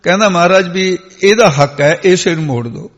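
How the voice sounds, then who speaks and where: Guy preaching and telling a story, kinda high voice, long hall echo. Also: brisk, dull audio. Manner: storytelling, sings scripture verses. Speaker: Sikh preacher. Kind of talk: sermon storytelling.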